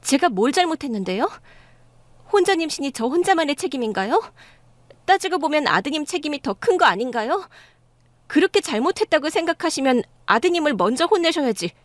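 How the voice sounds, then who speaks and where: A defiant young pregnant bride in an audio drama, voiced by a woman. She speaks firmly and indignantly in a high, lively voice. The recording is dry and close. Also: fairly quick, no room sound. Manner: firm, indignant. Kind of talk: dramatized story dialogue.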